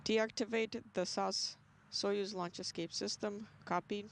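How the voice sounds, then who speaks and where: A man's voice: high-pitched, fairly even intonation, a little slow, vocal fry. A man on a crackly two-way radio link, giving clipped launch-control callouts. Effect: crackly two-way radio transmission. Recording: noisy distant radio link.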